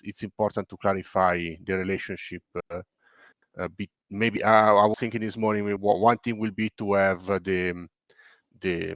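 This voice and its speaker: A man's voice: on the low side, a bit bright, no echo, highs cut off. A man speaking hesitantly on a remote meeting call, his laptop audio choppy and breaking up. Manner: hesitant, searching for words. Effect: choppy, breaking-up online call audio. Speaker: working group participant. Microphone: laptop on a video call.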